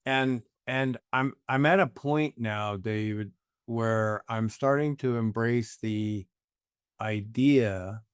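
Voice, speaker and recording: A man's voice: mid-range voice, slow, clean tone, no room sound, clean studio sound. A man in his sixties, a guest in a casual conversation, musing reflectively with an easy, sometimes profane manner.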